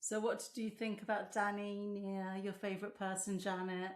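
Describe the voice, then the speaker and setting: Casting: woman, mid-pitched, frank and animated chat co-host. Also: moderate pace. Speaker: podcast co-host. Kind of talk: casual chat.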